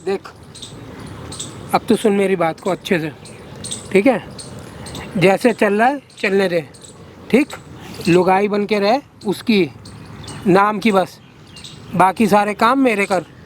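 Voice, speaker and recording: A man's voice: high voice, slow pace, long pauses, slight background noise. A middle-aged actor playing a domineering widowed man who keeps ordering a young woman around, in a short-film drama. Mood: bossy. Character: coercive widowed older man, bossy.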